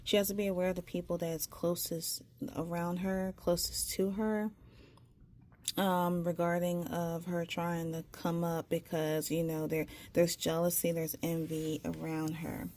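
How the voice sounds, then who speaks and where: A woman doing a casual tarot reading, halting and repeating herself as she searches for words, her articulation slightly impeded by a tongue piercing. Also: on the low side, little pitch movement, a little mellow. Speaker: tarot reader.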